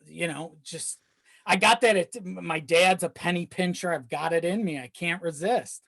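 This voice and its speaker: The voice is mid-range, gravelly, and fairly bright, moving at a normal speed as a young adult rambles through a casual, candid chat with some casual swearing. It's recorded in a small self-built shed serving as a home office, slightly echoey because nothing is padded.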